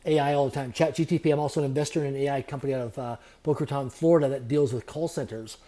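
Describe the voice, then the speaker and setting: A man being interviewed on a podcast, speaking in quick, repetitive motivational phrases. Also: mid-range voice, fairly even intonation, mellow. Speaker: guest, entrepreneur.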